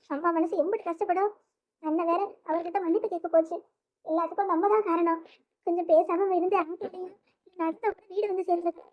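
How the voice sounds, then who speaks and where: A performer voicing a gentle, apologetic young woman who pleads softly through tears. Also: very high voice. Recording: tinny phone-like sound.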